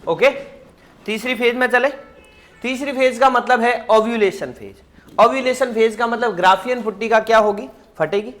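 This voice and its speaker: A biology teacher with a very high-pitched, fairly bright voice lectures his class, quizzing students with constant questions. He affectionately calls each of them "child."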